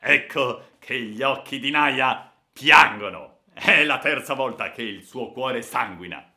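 A ferocious bandit full of cold hatred, as a male narrator puts him on, slow and deliberate with a gravelly rasp. He gloats over his captive in a loud, menacing voice, sharp and bright in tone. A storybook villain through and through. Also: mid-range voice, pitched above the performer's own voice, exaggerated voice. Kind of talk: audiobook character voice.

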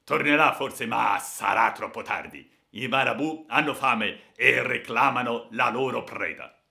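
A man's voice: medium pitch, creaky, full character voice. A man voicing a ferocious gloating bandit. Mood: menacing. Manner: loud, menacing, slow and gloating. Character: ferocious vengeful male bandit, cruel and gloating. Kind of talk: audiobook character voice.

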